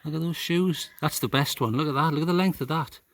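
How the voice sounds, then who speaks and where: A man's voice: on the high side, fast talker, gravelly, a bit bright. A middle-aged man giving a chatty, joking walking-tour commentary to the camera he holds, outdoors at a castle ruin. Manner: chatty, jokey, talks to camera. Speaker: vlogger. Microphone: camera held by the speaker.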